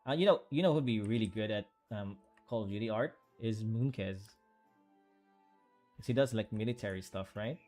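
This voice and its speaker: Male artist livestreaming as he draws: relaxed, rambling chat full of restarts, with soft music under it. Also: lowish voice. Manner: rambling, halting, with many fillers and restarts. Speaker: artist streaming while drawing.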